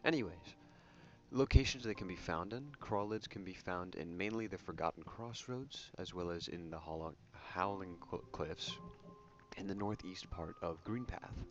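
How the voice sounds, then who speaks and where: A soft-spoken man giving casual, rambling ASMR commentary on a video game, correcting himself as he goes. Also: normal speed. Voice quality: soft-spoken, low voice without whispering. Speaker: YouTube game channel host. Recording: muffled audio under prominent music. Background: music.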